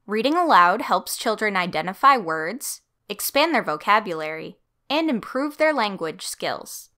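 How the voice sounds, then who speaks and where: A woman's voice: medium pitch, sing-song, unhurried, bright, forceful tone. A woman giving scripted instructional narration for a training video.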